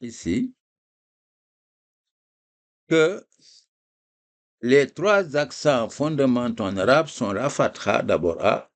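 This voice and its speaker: Male teacher, slow delivery, animated pitch, drills syllables, calls students "les gars". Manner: addresses listeners as "les gars". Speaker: Arabic reading teacher. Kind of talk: screen-shared lesson.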